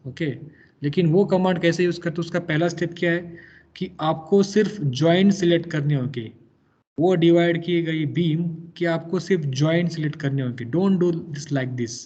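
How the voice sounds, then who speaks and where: A male engineering lecturer walks students through software commands, switching between Hindi and English and pressing the class for answers. His voice sits a little high. The recording is dull and lo-fi. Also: normal speed. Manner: patient, mixes English into Hindi, quizzes students.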